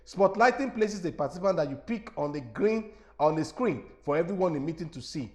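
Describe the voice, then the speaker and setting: A man with a Nigerian accent giving an instructional webinar as an evangelist, animated and repetitive, often checking whether his listeners follow. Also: fairly high pitch, brisk. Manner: animated, repetitive teaching with rhetorical questions.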